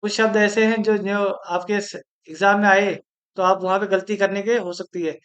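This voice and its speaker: A man teaching a Hindi spelling lesson for exam preparation, slowly repeating each word and explaining its correct form. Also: sits high, level tone, fairly bright tone. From India.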